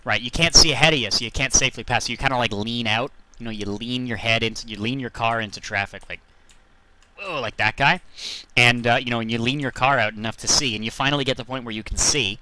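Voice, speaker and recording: A man's voice: mid-range voice, fast, bright, forceful tone, dry recording. A man streaming a driving game, chatting casually and telling rambling jokey stories to his viewers. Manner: rambling, jokey, self-deprecating. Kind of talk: casual gameplay commentary.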